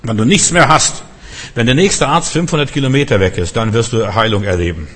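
An older man preaching a sermon, telling a story and acting out the people in it, moving from soft to emphatic. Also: medium pitch, a little fast, slightly rough. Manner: storytelling preacher, acts out quoted voices, swings from soft to emphatic. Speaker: pastor. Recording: long hall reverb.

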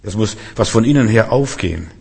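A man's voice: fairly low pitch, expressive, brisk, creaky, darkish tone, husky. A man preaching a sermon, emphatic and repetitive, speaking directly to his listeners.

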